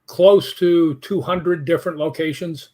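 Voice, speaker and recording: A man's voice: on the high side, unhurried. A man chatting as a guest, telling stories at length and acting out what others said. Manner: storytelling, quotes others in lively asides. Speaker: podcast guest. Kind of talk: casual chat.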